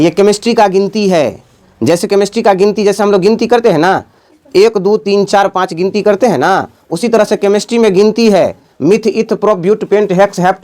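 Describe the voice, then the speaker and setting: A male teacher from India giving a classroom chemistry lesson, asking "got it?" over and over and chanting lists slowly. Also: high voice, a little mellow. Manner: repetitive, quizzing students with "समझ गए?".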